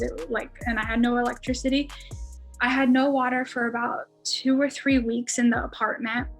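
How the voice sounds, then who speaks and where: A woman's voice: on the high side, fairly bright tone. A young American woman in her twenties, a podcast guest telling a story in a casual, chatty way with lots of fillers and frequent laughs. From United States.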